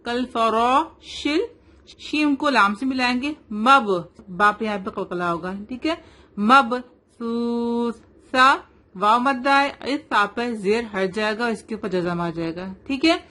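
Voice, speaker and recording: A young woman teaching Quran recitation rules, patiently spelling out letters slowly and mixing English into her explanations. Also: a little high, sharp tone. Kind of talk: tajweed lesson, slow drilling.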